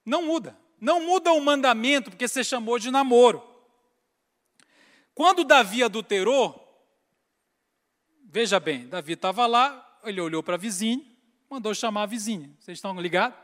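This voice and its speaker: High-voiced man preaching with humor. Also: normal speed, pauses often, long reverb tail. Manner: animated storytelling, acts out scenes, addresses crowd as brothers. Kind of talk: humorous sermon.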